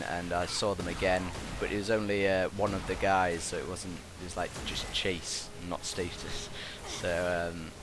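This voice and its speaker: Low-voiced young British man, casually rambling. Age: young adult. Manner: hesitant, meandering. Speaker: gaming video commentator, university student. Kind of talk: casual rambling vlog commentary. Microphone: gaming headset. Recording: constant buzzing, hissy background noise. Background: constant buzz and hiss.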